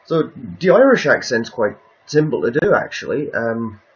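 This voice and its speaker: A man's voice: medium pitch, sing-song, normal speed, lo-fi sound. A man chatting casually on a livestream, hesitant and rambling, with many ums and restarts.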